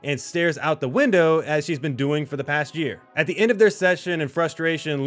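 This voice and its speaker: A man with a slightly raised pitch walks through a movie script he wrote, telling it scene by scene. He talks in a relaxed, conversational way and sometimes restarts a phrase. Faint music plays underneath. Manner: conversational storytelling with small restarts. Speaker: video creator. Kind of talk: casual narration of a fan-written movie script.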